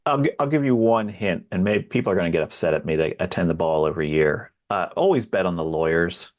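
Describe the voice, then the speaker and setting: A man co-hosting a podcast, chatting casually with a relaxed, teasing, deliberate manner. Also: deep voice. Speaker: podcast co-host. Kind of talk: casual interview chat.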